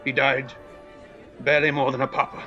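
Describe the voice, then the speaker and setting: Man playing a terse, regretful Scrooge, sharp-edged voice. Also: mid-range voice, little pitch movement, highs cut off, soft background music, close to an everyday voice. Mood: curt, bitter. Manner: terse, halting answers. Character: Ebenezer Scrooge, bitter man forced to face his regrets. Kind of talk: audio play acting.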